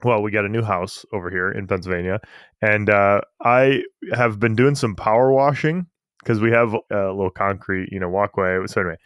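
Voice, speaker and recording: A man co-hosting a casual podcast, chatty and quick to laugh, restarting his sentences as he talks. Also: fairly low pitch, fairly even intonation, a bit bright, clear, resonant tone, no echo. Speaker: podcast co-host.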